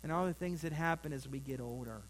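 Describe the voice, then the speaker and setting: A man's voice: on the high side, quick pace, a little hiss or hum, low-quality recording. A middle-aged man preaching a sermon in a folksy, rambling way, with asides to his congregation. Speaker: pastor.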